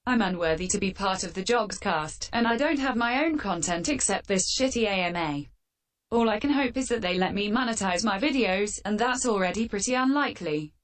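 Deadpan woman with a metallic voice filter. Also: medium pitch, fairly quick. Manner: deadpan, sarcastic. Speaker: channel host answering fan questions. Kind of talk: scripted comedic Q&A.

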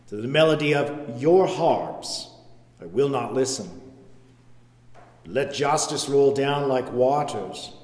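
A man leading a church service, reading prayers and scripture in a slow, measured, intoned way, heard with a long cathedral echo. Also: medium pitch, a little mellow. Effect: cathedral echo with long reverb. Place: large church. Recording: echoey large church hall.

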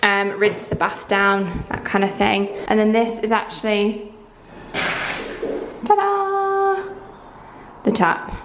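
A woman in her twenties giving a chatty, excitable house-tour vlog of her renovated bathroom, filmed on a handheld camera. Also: mid-range voice, slow pace, pauses often, noisy background. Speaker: vlogger. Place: empty bathroom under renovation, indoors. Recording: echoey bare room.

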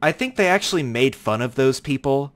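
A young man hosting a casual podcast chat, rambling and laughing often, getting animated when he rants. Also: medium pitch, a little fast. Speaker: podcast host.

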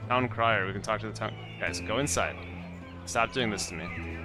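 A man's voice: on the low side, moderate pace, over music. A man casually commenting on his own gameplay as the host of a let's play, chatty and self-mocking, talking to the characters on screen.

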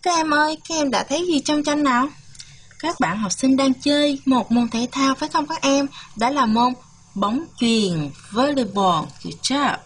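A woman from Vietnam teaching English to young children, modelling words slowly and emphatically for them to repeat and coaxing them with gentle questions. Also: sits high, expressive. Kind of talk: bilingual classroom lesson with listen-and-repeat drills.

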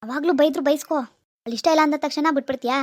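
A woman's voice: high voice, racing, dry recording, studio quality, close to an everyday voice. A woman voicing a cocky young village man in a cartoon, pushy and know-it-all. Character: cocky young man giving love advice. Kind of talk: cartoon dialogue.

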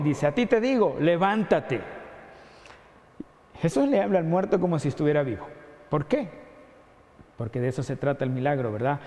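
A man with an Ecuadorian Spanish accent preaching a sermon as pastor, earnestly asking rhetorical questions and dropping his voice low on key points. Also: dark tone. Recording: long hall reverb.

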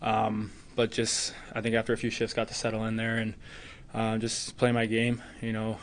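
A man's voice: lowish voice, monotone, normal speed, slight background noise. A man in his twenties, a hockey player answering postgame press questions earnestly, with lots of "you know" fillers, at a table mic in an arena press room. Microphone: table mic in front.

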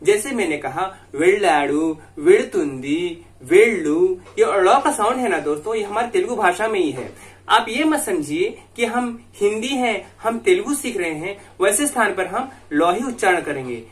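A man's voice: high voice, expressive, normal speed. A man teaching a language online, patiently explaining and repeating each phrase several times so learners can practise. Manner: addresses viewers as friends, patient explaining.

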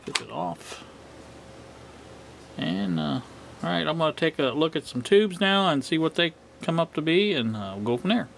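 A man talking casually through a radio repair at his workbench, relaxed and halting, with plenty of fillers. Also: fairly high pitch, vocal fry, slight background noise. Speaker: vintage electronics repair vlogger. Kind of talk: casual workshop narration.

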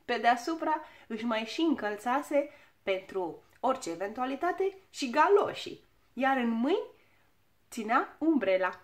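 High-voiced woman reading a children's tale. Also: very animated. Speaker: storyteller. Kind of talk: children's audiobook narration.

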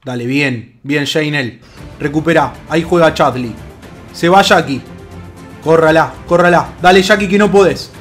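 A man with a Rioplatense Spanish accent commentating his own football video game match live, excitable, swearing and yelling at his players. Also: a little high, moderate pace, soft background music.

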